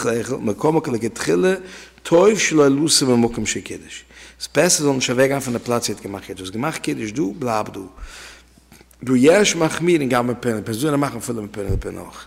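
A man with a creaky, husky mid-range voice teaches an informal religious law lesson as a rabbi. He speaks conversationally and shares anecdotes with his listeners, and the hall around him is reverberant.

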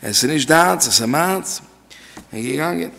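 A man's voice: fairly high pitch, expressive, brisk, vocal fry, fairly bright tone. A man teaching a class on religious law. He repeats key phrases and asks questions aloud. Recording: long reverb from a hall.

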